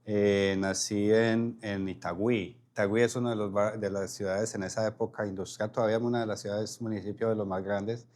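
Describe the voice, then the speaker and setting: Guy in his 50s medellin, lowish voice, keeps restarting sentences in a chatty interview. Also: steady tone, a little mellow. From Colombia. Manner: halting, many restarts and repeated words. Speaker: podcast guest, entrepreneur. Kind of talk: casual interview conversation.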